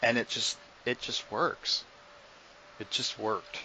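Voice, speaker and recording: A man's voice: medium pitch, steady tone, takes it slowly, bright, forceful tone, highs cut off, a little hiss or hum. A man co-hosting a podcast, talking casually in a rambling way with frequent restarts. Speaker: podcast co-host. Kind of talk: casual chat.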